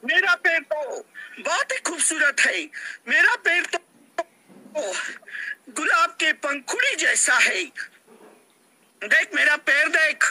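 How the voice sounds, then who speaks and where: High, bright older man mocking slowly. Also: animated. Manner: mocking, drawn-out taunts. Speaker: live-stream participant. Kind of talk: heated online argument.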